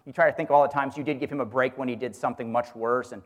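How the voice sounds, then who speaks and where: A man's voice: mid-range voice, fairly even intonation, very fast. A man who is a teacher gives a religious teaching talk to a group, asking rhetorical questions and calling on listeners by name. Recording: long hall reverb.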